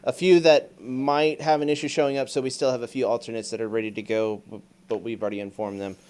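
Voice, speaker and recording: A man's voice: medium pitch, flat delivery, quick pace, darkish tone, clear, resonant tone. Laid-back man hosting a live stream. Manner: laid-back, frequent fillers. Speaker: stream host. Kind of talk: casual group chat.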